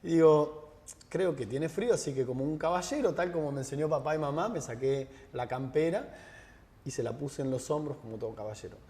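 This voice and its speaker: Animated Rioplatense man with reverb. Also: fairly high pitch, fairly quick. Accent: Rioplatense Spanish. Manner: animated storyteller, acts out dialogue. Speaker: interview guest. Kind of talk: conversational interview. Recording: long reverb.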